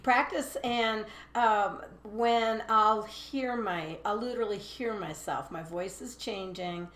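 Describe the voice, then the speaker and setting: A woman's voice: mid-range voice, takes it slowly, fairly bright tone. A woman co-host chats about teaching in an easy, agreeable way, often chiming in with affirmations. Her mid-range voice rings with room echo. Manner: agreeable, frequent affirming backchannels. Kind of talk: casual teaching chat. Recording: roomy echo.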